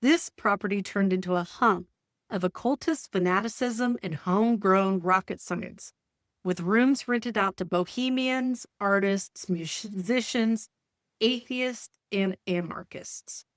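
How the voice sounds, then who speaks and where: A woman's voice: mid-range voice, takes it slowly, dry recording, studio quality. A woman hosting a solo storytelling podcast, chatty and prone to correcting herself as she reads passages aloud. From Kansas, US. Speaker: podcast host.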